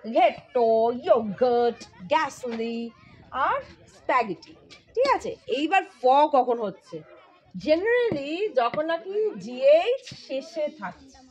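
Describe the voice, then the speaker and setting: A woman's voice: high voice, big pitch swings, slow pace, dull audio. A woman teaching English pronunciation, explaining informally and spelling out letters to her students. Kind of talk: spoken English lesson.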